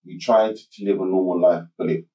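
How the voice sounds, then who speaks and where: Brief: low-voiced male interviewer, heard from off-mic in a roomy space. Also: fairly even intonation, mellow, distant mic, highs cut off. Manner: measured, recaps before asking. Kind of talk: interview questions.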